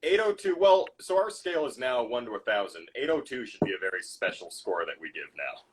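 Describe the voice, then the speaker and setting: A man's voice: medium pitch, very animated, a little fast, background noise. A man co-hosting a podcast in casual chat, dry and joking as he reads out messages from the chat. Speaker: podcast co-host.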